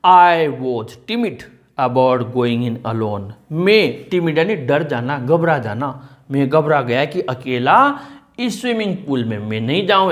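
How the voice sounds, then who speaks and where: A man teaching a class, speaking with an Indian accent. He reads English lines slowly, then explains each word patiently and often repeats it. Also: a little high. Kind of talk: line-by-line textbook explanation.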